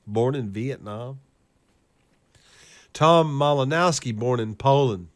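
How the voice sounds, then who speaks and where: A man hosting a current-events video, ranting with profane, scornful and sarcastic commentary over clips, reading lists in a steady cadence. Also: fairly high pitch.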